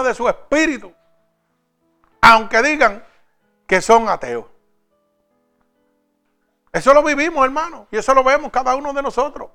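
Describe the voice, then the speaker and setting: A man preaching a sermon, first reading scripture slowly and then addressing his listeners directly. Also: extremely high pitch, pushed and bright.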